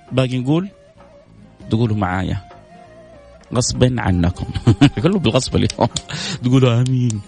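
A man's voice: mid-range voice, vocal fry. A man hosting a call-in radio show, reading listener messages and answering with devout blessings. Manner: warm, devout, reads out messages and answers them with prayers. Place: radio studio. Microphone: studio microphone.

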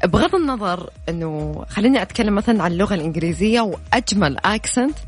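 A woman's voice: mid-range voice, expressive, very fast, faint music behind. A woman from Najd with a Saudi Najdi accent, co-hosting a casual radio chat and stating her views frankly. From Najd, Saudi Arabia. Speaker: radio co-host.

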